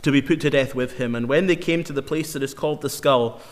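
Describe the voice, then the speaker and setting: A man preaching a sermon in an earnest, emphatic way, slowing down to repeat key phrases for weight. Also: mid-range voice. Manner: earnest, emphatic, with slow dramatic repetitions. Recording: long hall reverb.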